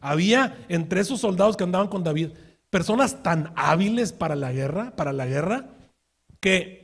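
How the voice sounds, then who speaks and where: Husky-voiced pastor preaching. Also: male voice, high-pitched, expressive, moderate pace. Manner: storytelling with acted-out quotes, rhetorical questions; shifts from quiet asides to loud shouted outbursts. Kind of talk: sermon.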